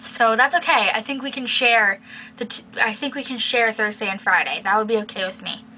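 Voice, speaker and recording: Speaking a little high and a little fast, with a sharp edge, this young adult video blogger chats playfully and teasingly to camera. She's in a small bedroom, captured on the built-in mic in a noisy home setup like a webcam.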